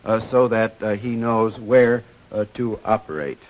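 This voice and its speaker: Guy doing a 1950s tv broadcast science talk, formal doctor type, halting, dull old noisy recording. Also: on the low side. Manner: formal, deliberate explaining with hesitant pauses. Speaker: doctor presenting medical research.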